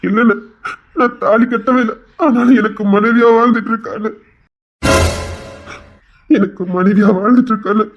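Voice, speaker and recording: Man playing an apologetic young man, high husky voice, pleading, emotional. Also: steady tone, moderate pace, long pauses, highs cut off, faint music behind.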